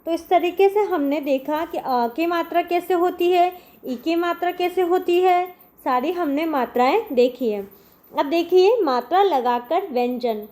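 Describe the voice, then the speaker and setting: A woman teacher with an Indian Hindi accent gives a primary school lesson to children in a very high, warm, slightly slow voice. She speaks patiently, spells out sounds one by one, and often says "dekho" to the kids.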